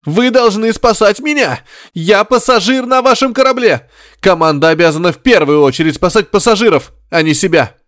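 A man voicing a hysterical male reporter who shrieks indignant outbursts in a high, strained voice. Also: lively intonation, quick pace, hardly any pauses, dry recording, clean studio sound, close to an everyday voice.

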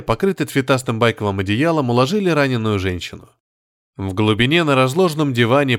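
A man narrating a story in a steady, measured audiobook reading. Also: mid-range voice, no room sound, clean studio sound. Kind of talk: scripted narration.

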